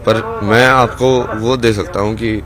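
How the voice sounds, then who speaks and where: Impassioned man amid a loud crowd. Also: on the low side, steady tone, unhurried. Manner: rambling, impassioned, rhetorical questions. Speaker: interviewee, wandering ascetic. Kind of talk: outdoor interview answers. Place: outdoors at a busy festival ground. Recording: outdoor recording with loud crowd.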